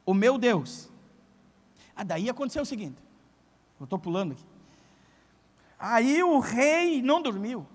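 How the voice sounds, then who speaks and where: Brief: man preaching to his congregation, animated storyteller, high voice, echoing church hall. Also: measured pace, long pauses. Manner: lively, storytelling, addresses the congregation directly. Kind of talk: sermon. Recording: long church hall reverb.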